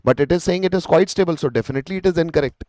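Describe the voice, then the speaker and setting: A man's voice: fairly high pitch, rapid-fire, darkish tone, no echo. A man with an Indian accent teaching a live online revision lesson in an encouraging, coaching manner, dropping Hindi words into his English and addressing students directly. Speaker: chemistry teacher.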